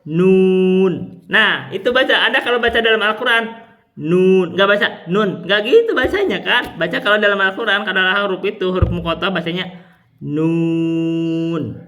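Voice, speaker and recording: A man teaching Quran recitation rules, explaining patiently and demonstrating long drawn-out recited syllables. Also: sits high, animated, pushed and bright. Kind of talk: tajwid lesson with recited examples.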